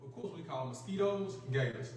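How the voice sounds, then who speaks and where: A man's voice: a little high, lively intonation, normal speed, reverberant, over loud music, low-quality recording. A man with a Mississippi accent listing hometown habits in a playful, bragging comedy clip. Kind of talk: comedic social media clip.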